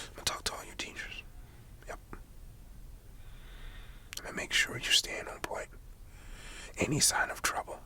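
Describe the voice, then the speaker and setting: In a whispered ASMR roleplay, a man plays a stern but caring high school principal scolding a student. His breathy voice has a sharp tone, and his language is informal, admonishing and folksy.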